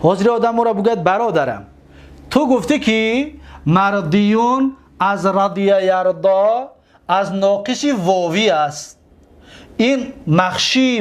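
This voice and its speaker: Lively high-voiced Tajik male teacher. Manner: explains step by step, repeats words, asks the class questions. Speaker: teacher of Arabic morphology. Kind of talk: classroom lecture.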